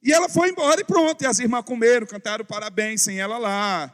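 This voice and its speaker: High-voiced pastor preaching in echoing hall. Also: male voice, fast talker. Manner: animated, acts out dialogue. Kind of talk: sermon with storytelling. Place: large church hall. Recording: long church hall reverb.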